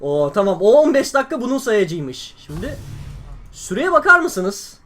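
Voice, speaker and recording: A young man from Turkey giving excitable live commentary over his own gameplay, exclaiming and grumbling as things go wrong. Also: sits high, normal speed. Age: young adult. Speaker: gaming YouTuber.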